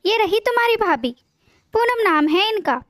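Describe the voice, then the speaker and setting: A woman's voice: very high voice, big pitch swings, normal speed, fairly bright tone, no echo, studio quality, full character voice. Cheerful young husband, voiced by a woman narrator, friendly and casual.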